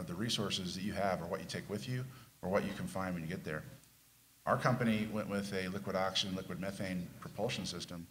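A middle-aged man speaking on a conference panel into a table mic, explaining things in a measured way. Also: low-pitched, a bit bright, slight background noise, low-quality recording. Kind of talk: panel discussion. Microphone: table mic on stand.

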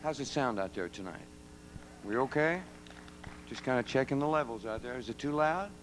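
A man's voice: mid-range voice, animated, normal speed, noisy background. A man, a singer-songwriter, trading folksy, teasing banter with a live audience. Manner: folksy, teasing, talks to the crowd and kids. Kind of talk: joking stage banter with the audience. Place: live concert venue.

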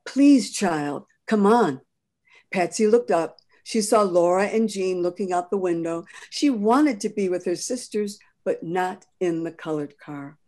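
A woman author reading a passage of her novel aloud over a video call, steady and expressive. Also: on the low side, moderate pace, hardly any pauses.

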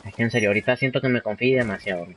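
Young male streamer from Honduras, casual chatter, medium pitch, faint noise. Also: very fast, a bit bright. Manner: chatty, reads chat aloud, slangy, mixes in English phrases. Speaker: livestreaming gamer. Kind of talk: casual live gameplay commentary.

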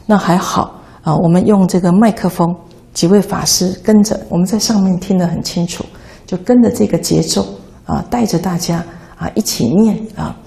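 Woman, buddhist nun, dharma talk, patient teaching tone, gravelly, dark voice. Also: on the low side, steady tone, normal speed. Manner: patient, instructive, demonstrating chant rhythm.

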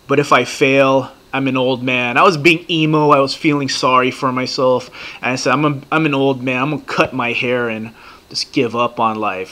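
A man in his thirties rambles through a casual reaction vlog, swearing freely and getting excitable. His voice is bright and sits at a middle pitch. He sounds like he is recording at his computer. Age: 30s. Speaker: vlogger reacting to a TV series.

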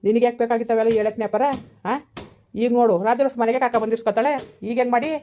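A blunt village elder, acted by a woman, scolds a younger relative in a village family drama. Her comes out fast and a little high. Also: level tone, dark tone, slight background noise, lightly acted. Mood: scolding.

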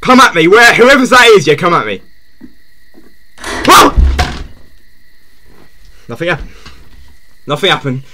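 Male live streamer, casual gameplay chat, jumpy and repetitive; fairly high, very bright voice; faint music underneath. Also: big pitch swings, quick pace, a little hiss or hum. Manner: jumpy, repeats himself, yelps when startled.

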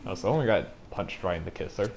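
A man's voice: sits low, lively intonation, fast talker, vocal fry, a little mellow, a little hiss or hum. A man giving playful, wisecracking commentary while playing a video game. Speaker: let's play host. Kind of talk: joking gameplay commentary.

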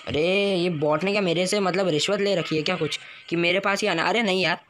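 A man giving live commentary over his mobile game, excitable, groaning and shouting at what happens on screen. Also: high-pitched, brisk, slight background noise. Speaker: gaming YouTuber.

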